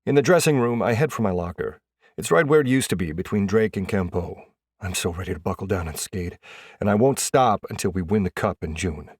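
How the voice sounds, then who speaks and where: A young adult man narrates an audiobook in the first person, expressive and lively. His voice is on the low side but moves around a great deal. The recording is close and dry. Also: a little fast, slightly rough, no echo.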